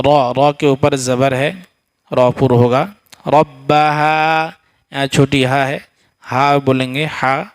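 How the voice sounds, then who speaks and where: A man teaching Quran recitation, giving quick spoken explanations between slow, drawn-out chanted verses. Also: medium pitch, no room sound. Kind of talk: tajweed lesson, explaining and reciting.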